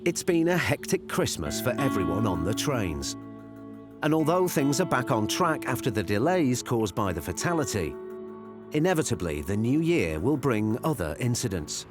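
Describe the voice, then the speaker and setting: Male narrator, scripted documentary read, animated intonation, music underneath. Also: medium pitch, normal speed. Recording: music behind the voice. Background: background music.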